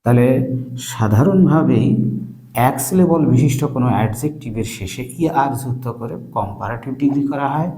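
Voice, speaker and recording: Guy teaching english grammar in bengali, slow and halting, spells stuff out, warm voice, echoey room. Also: medium pitch. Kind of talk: explaining grammar at a board.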